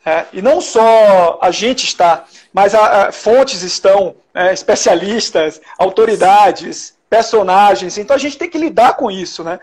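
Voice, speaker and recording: Speaking with a Bahian Portuguese accent, this journalist guest from Salvador, Brazil, tells stories in a relaxed interview, restarting often and tossing in tag questions. His voice is high-pitched and a little mellow, a bit slow yet with hardly any pauses.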